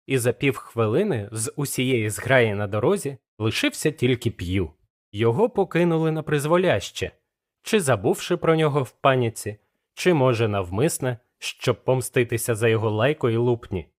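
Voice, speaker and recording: Male audiobook narrator, mid pitch, steady and measured.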